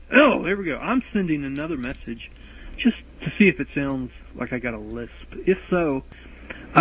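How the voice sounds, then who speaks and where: A man with a medium-pitched voice leaves a rambling voicemail for podcast hosts, circling, restarting and worrying over his lisp. It's a tinny phone-line message captured by a voicemail recorder, with a faint hiss or hum.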